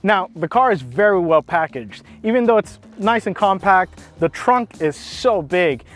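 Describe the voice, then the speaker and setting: Casting note: enthusiastic male car reviewer, slightly high voice, outdoors, faint music underneath. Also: lively intonation, a little slow, a bit bright. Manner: enthusiastic, casual, many fillers and restarts.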